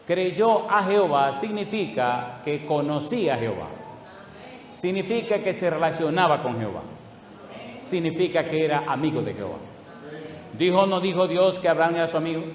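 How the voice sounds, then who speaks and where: A male pastor preaching a sermon, asking the congregation question after question and drawing out scripture readings slowly. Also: fairly high pitch, big pitch swings. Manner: asks the congregation repeated questions; slow, drawn-out emphasis on scripture. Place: church hall. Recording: echoey hall, faint room noise.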